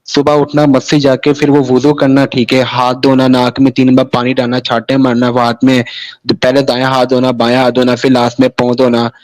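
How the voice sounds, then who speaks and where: A man's voice: medium pitch, completely flat delivery, a little fast, a little mellow, poor audio. A man from Pakistan, telling his personal story in an interview in a rambling way, often repeating the same tag phrases. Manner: rambling, keeps repeating "sahi hai na" and restarting phrases. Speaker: interview guest.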